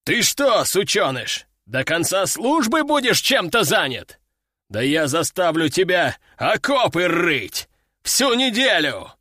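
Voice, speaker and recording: A hot-tempered army general shouts slow, drawn-out orders, voiced by a man reading a story aloud. His pitch swings widely from yell to yell. The sound is dry and close. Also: sing-song, no echo, full character voice. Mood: bellowing. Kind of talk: audiobook character voice.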